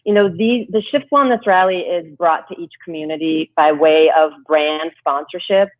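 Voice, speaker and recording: A woman's voice: on the low side, moderate pace, dry recording. A woman joins a talk show remotely, speaking earnestly about her event with plenty of fillers. Her voice comes through a thin, phone-like line that glitches and degrades. The sound is dry, with no room around it. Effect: glitchy, degraded call audio. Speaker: guest organizing a wellness event.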